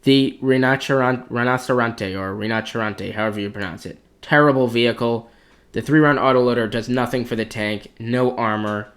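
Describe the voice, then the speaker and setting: Guy doing casual tank tier list commentary, blunt opinions, mid pitch, talks stuff through out loud. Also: fairly even intonation, a little fast. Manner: blunt, opinionated, thinking aloud. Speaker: clan commander ranking tanks.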